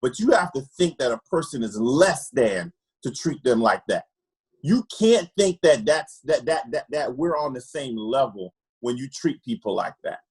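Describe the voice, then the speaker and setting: Husky-voiced man from Trinidad, earnest. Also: medium pitch, sing-song, moderate pace, low-quality recording. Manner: earnest, repeats words while searching for them. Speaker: optometrist guest. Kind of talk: candid personal storytelling.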